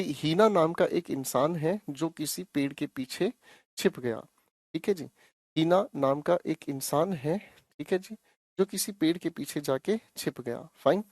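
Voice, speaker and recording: A man's voice: a little high, darkish tone, dry recording, studio quality. A male teacher explaining English grammar to an online class, coaxing and repeating himself, calling the students his children.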